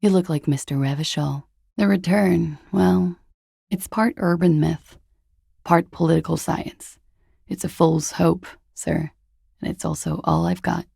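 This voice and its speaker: Klaasje, husky, creaky, jaded flirt. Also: female voice, on the low side, fairly even intonation, unhurried, warm tone, no echo, clean studio sound, full character voice. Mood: wistful, mysterious. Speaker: video game character. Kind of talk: video game dialogue.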